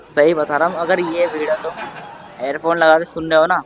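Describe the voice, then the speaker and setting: A man doing stand-up comedy, telling a story in animated, mock-threatening rants. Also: a little high, fairly quick, crowd noise.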